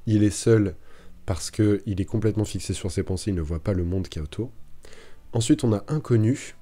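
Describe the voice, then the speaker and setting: A French literature teacher on a live stream, explaining a poem casually and thinking aloud with frequent fillers and restarts. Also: male voice, on the low side, brisk, dark tone. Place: home streaming setup. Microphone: streaming microphone.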